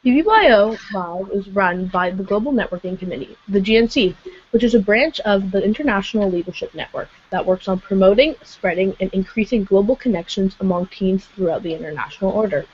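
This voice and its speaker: A woman's voice: mid-range voice, a little fast. A teenage girl from Ontario speaking frankly on an online call. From Ontario, Canada. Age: teens. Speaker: panelist. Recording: muffled call audio with faint noise.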